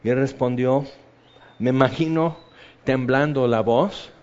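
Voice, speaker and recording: A man's voice: medium pitch, unhurried. Passionate male preacher, dull lo-fi sound. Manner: passionate, shifts between loud emphasis and soft hushed tones; reads scripture then acts out quoted voices. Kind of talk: sermon.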